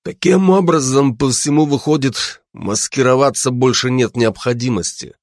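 A man's voice: medium pitch, normal speed, dry recording, clean studio sound, natural voice. A man voicing a hot-tempered gang boss who barks short orders. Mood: stern. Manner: curt, barking orders.

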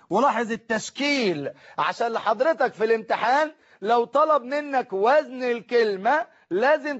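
A man teaching an exam-prep grammar lesson with an Egyptian accent, asking and answering his own questions and slowing down to spell out word patterns. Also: very high-pitched, fairly bright tone, muffled recording. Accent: Egyptian Arabic. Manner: asks and answers his own questions, drills the class to repeat forms. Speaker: Arabic teacher.

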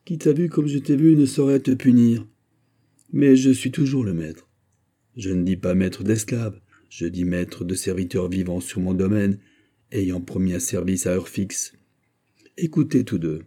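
A man reading the part of a haughty, domineering prince in an audiobook, lordly and commanding, with a husky voice. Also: low-pitched, steady tone, measured pace, dark tone.

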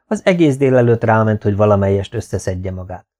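A man reading a novel aloud as an audiobook narrator, in a steady, even manner. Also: on the low side. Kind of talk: scripted narration.

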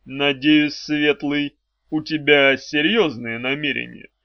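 A man's voice: fairly high pitch, fairly even intonation, slow pace, dry recording. A man voicing a self-assured, mocking lord of darkness with a dry ironic manner. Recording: dry, slightly dull audiobook recording.

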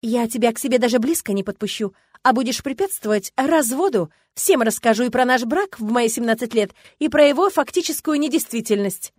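A woman's voice: medium pitch, a little fast, a little mellow, dry recording, studio quality, close to an everyday voice. A woman reading an audiobook, voicing a young noble wife who is tearful, pleading and defiant in turn. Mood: furious. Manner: tearful, pleading, angry outbursts.

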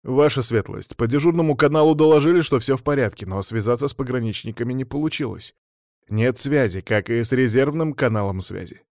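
A man's voice: mid-range voice, a little fast, a little mellow, dry recording, clean studio sound, pitched above the performer's own voice, natural voice. A man reading an audiobook voices a duty officer giving formal, respectful reports. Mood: reporting.

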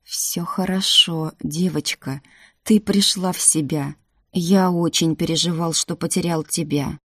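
Storybook figure: a woman playing a slow, proud male guardian spirit with a husky tone. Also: lowish voice, dark tone, no room sound, studio quality. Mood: soothing.

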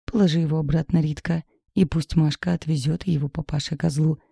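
A woman's voice: sits low, steady tone, fairly quick, gravelly, warm tone, husky, no room sound, clean studio sound, exaggerated voice. Woman reading as a blunt, sarcastic lawyer friend. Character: sharp-tongued young woman lawyer friend.

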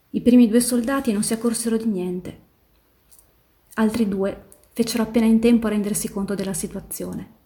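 A woman reading a novel aloud in a steady, measured way, slowing down on the tense passages. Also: medium pitch. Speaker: volunteer reader in a reading marathon. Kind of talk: literary read-aloud narration.

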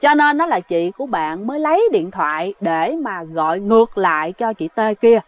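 A woman's voice: medium pitch, animated, moderate pace, no room sound. A woman telling a ghost story in a chatty way, often speaking straight to her listeners. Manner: chatty, addresses listeners as "các bạn".

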